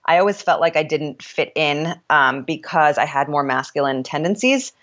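A deep-voiced woman talks as an interview guest, thoughtful and frank, occasionally faltering while she sorts through her thoughts. Her delivery is lively and slightly bright, and the recording has its high frequencies cut off.

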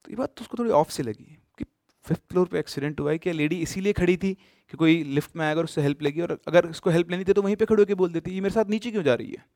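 A man casually telling a horror story, with emphatic bursts and sudden hushed drops. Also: high-pitched, rapid-fire, no echo, clean studio sound.

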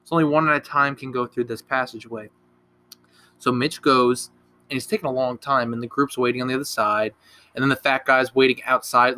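Bright-voiced man rambling through a movie recap. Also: medium pitch. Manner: rambling, swearing, self-correcting storyteller. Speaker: podcast co-host.

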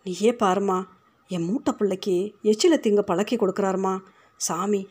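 A woman's voice: medium pitch, animated, normal speed, a little mellow, lightly acted. A woman voicing a proud, poor working mother who answers back in anger. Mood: pleading. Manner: angry and defiant.

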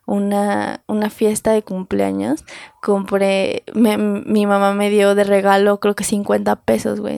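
A woman's voice: medium pitch, gravelly, warm tone, no echo, studio quality. A young woman with a Mexican Spanish accent talking casually and candidly, full of slang and repeated words. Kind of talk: casual conversation.

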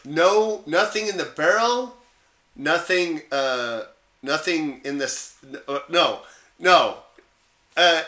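In an echoey room, a male podcast co-host with a fairly high voice talks slowly about guns in casual chat. His delivery is pushed and bright, informal and blunt, with the odd mild swear.

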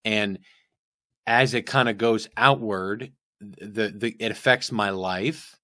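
A man with a fairly low voice talks through his faith in an easygoing, earnest way. He rambles and restarts his thoughts as he goes. The sound is dry and close to the mic. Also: slow, bright, forceful tone, no room sound. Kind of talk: casual faith discussion.

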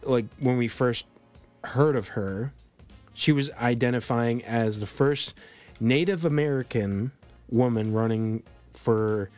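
A man's voice: medium pitch, darkish tone. A man born in Colombia co-hosting a podcast, talking politics in a casual, rambling way full of restarts and fillers. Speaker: podcast co-host.

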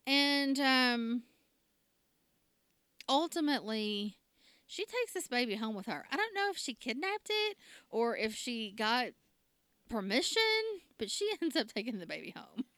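A woman co-hosting a podcast casually recaps a TV drama episode, chatty and laughing often as she acts out quotes. Her fairly high voice is expressive, smooth and a bit bright, at a measured pace in a dry recording.

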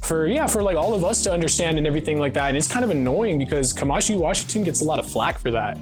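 A man in his twenties, appearing as a guest on a podcast, chats casually in a fairly high, animated voice at a fast pace, with music in the background. He rambles and often stalls with "what do you call it."

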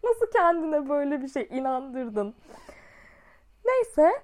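A woman with a high voice tells a story in a casual vlog. She is a teacher and talks in a chatty, self-mocking way. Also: sing-song, takes it slowly, a little mellow.

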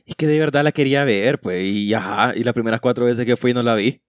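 A man's voice: medium pitch, a little fast, no echo. A man, trading crude, goofy jokes and stories in casual podcast chat. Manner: crude, teasing, goofy storyteller. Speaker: podcast co-host.

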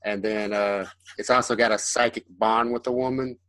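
A man co-hosting a podcast with a somewhat low voice, chatting casually. He hesitates and trails off, restarting his sentences often. The sound is dry and close. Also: steady tone, moderate pace, a bit bright, dry recording. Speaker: podcast co-host. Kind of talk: casual chat.

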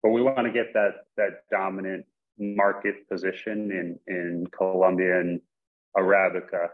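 A man from upstate New York joins a podcast as a guest over a remote call, explaining things in a steady, measured way full of "basically" and "you know". His voice is very low, and the call audio is dull and lo-fi. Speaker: guest, coffee company investor. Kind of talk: casual interview answers.

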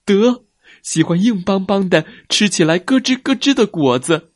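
A man's voice: high voice, expressive, normal speed, dry recording, studio quality, pitched above the performer's own voice. A man voicing a big father tyrannosaurus in a children's story, scolding earnestly but with care.

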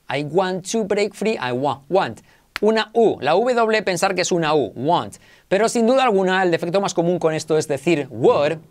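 A man from Spain with a Spanish accent teaching English pronunciation in a lively video lesson, drilling sounds with exaggerated repetition. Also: fairly high pitch.

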